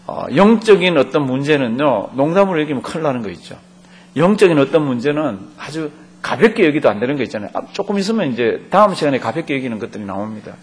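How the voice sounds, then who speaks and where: A middle-aged male pastor teaching a Bible class, telling the story with lively asides and questions to the congregation. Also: mid-range voice, quick pace, husky.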